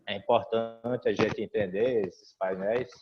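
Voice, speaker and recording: A man's voice: fairly low pitch, steady tone, a little slow, faint music behind. A man teaching an online class over a video call, his audio choppy and dropping out in glitches. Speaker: instructor. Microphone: computer mic on a video call. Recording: dull lo-fi call audio with clicks and noise.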